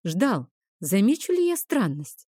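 A woman narrating a first-person fantasy novel in an expressive storytelling manner. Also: medium pitch, a little slow, husky, no room sound, clean studio sound. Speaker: audiobook narrator.

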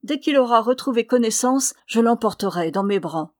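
Woman narrator doing a young man, strong, calm, reassuring, raised earnest voice, dry recording. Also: a little high, moderate pace, dry recording, close to an everyday voice.

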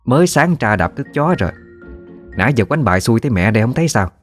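A man's voice: medium pitch, very animated, fast talker, soft background music, pitched above the performer's own voice, close to an everyday voice. A man voicing a gloomy, superstitious middle-aged woman, grumbling. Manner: grumbling, sulky.

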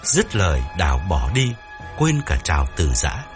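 A man narrating an audiobook story in an expressive, dramatic storytelling manner. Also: low-pitched, normal speed, soft background music.

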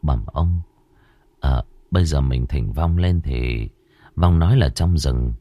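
A man's voice: a bass voice, takes it slowly, no room sound, dull audio, voice pushed down, full character voice. A man voicing an old male servant who speaks deferentially and hesitantly.

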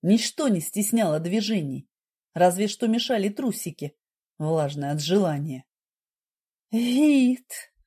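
A woman narrating an audiobook romance in a slow, measured reading. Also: fairly low pitch, expressive, mellow, breathy edge. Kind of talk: scripted narration.

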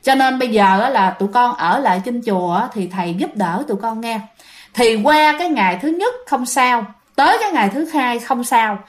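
A woman's voice: on the high side, expressive, a little fast. A woman with a Southern Vietnamese accent, casually retelling a ghost story and chatting directly to her listeners.

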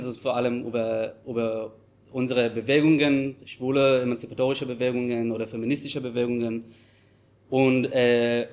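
A man from Israel gives a public talk in a language that is not his first. His voice sits at an ordinary middle pitch. He speaks haltingly, with frequent fillers and restarts. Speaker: lecturer. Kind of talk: public lecture. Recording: audio recording of a talk.

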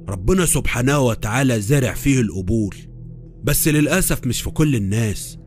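A man with an Egyptian Arabic accent, narrating a horror story in a confiding first-person way. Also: mid-range voice.

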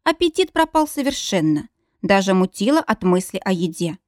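A woman narrating an audiobook in the first person, with an expressive, tense and dramatic delivery. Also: mid-range voice, moderate pace, no room sound, clean studio sound.

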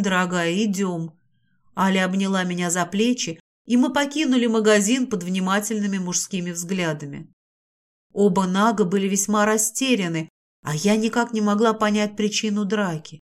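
Woman, audiobook narrator, first-person, expressive, dramatic, middle pitch.

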